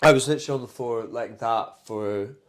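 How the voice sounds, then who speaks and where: A man's voice: mid-range voice, fairly quick. Chatty man with a mild Scottish accent. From Scotland. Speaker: musical theatre and panto performer, guest. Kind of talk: casual chat, anecdote telling.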